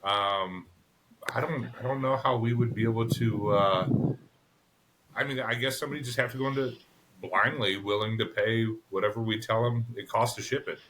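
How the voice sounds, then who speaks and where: A man's voice: medium pitch, moderate pace, fairly bright tone, slight background noise, low-quality recording. A man guesting on a podcast, speaking hesitantly with many fillers in casual chat.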